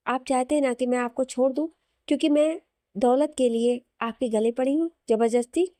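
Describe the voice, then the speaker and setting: A woman voicing a hurt but loving young wife who speaks softly and emotionally. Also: high-pitched, moderate pace, dry recording, clean studio sound, lightly acted. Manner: soft, pleading, emotional.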